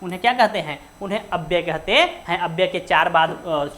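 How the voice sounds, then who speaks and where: A woman teaching a Hindi grammar lesson for an exam, who keeps asking rhetorical questions and answering them herself, sometimes slowing to stress words one at a time. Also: lowish voice.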